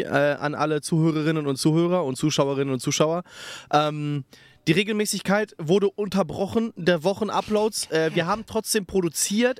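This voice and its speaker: A man's voice: a little high, no echo. A young man co-hosting a podcast from a camper van, chatting casually and upbeat, full of fillers and restarts. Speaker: podcast co-host. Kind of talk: casual chat. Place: inside a camper van at a festival.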